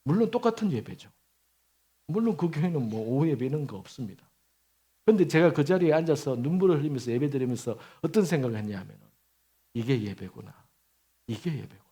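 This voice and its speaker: Fifties male pastor, fairly high voice, animated emphatic sermon delivery. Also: fast. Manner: storytelling with lively acted quotes and laughter.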